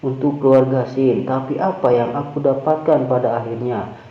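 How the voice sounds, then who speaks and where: A man's voice: medium pitch, steady tone, normal speed, natural voice. Guy reading as resentful old turncoat, scheming, echoey lo-fi. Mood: angry. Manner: gloating, then shouting. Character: older male traitor, scheming and resentful. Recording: roomy, dull lo-fi.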